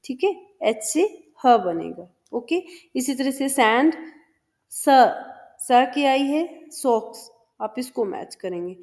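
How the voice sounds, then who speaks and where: Slow, patient woman teacher with hall echo. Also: high-pitched, big pitch swings, darkish tone. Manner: slow, patient and encouraging, mixing English words into Hindi explanations. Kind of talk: children's lesson explaining a textbook. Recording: long hall reverb.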